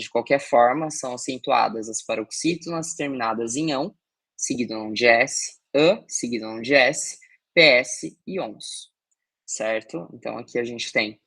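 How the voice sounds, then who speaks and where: A man's voice: mid-range voice, fairly bright tone, dry recording. A man teaching a recorded grammar lesson, explaining step by step with many fillers and tag questions.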